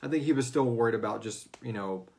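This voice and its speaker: With a crowd audible behind him, a man talks fast in a gravelly, medium-pitched voice. He hosts a casual Q&A about the serialized audio fiction series he writes, speaking informally and briefly acting out character lines.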